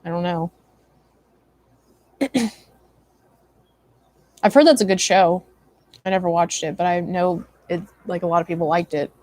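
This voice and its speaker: A woman's voice: lowish voice, unhurried, pauses often, a little mellow, no echo. Young woman rambling casually, dry sound. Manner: rambling, many likes and ums. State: tired, yawning. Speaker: livestream host. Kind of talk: casual chat with viewers.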